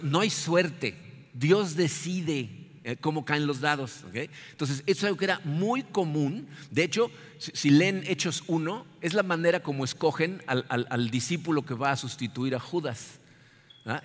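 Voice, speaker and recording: Preacher in an echoing hall. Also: male voice, on the high side. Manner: animated, asks "¿no?" after most sentences. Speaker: pastor. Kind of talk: sermon. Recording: long hall reverb.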